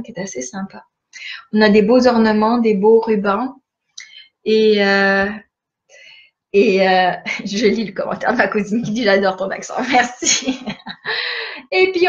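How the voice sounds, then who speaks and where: Chatty woman with dull sound. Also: mid-range voice. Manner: chatty, hesitant, many fillers and restarts. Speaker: stamping-supplies demonstrator. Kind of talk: casual catalogue walkthrough for viewers.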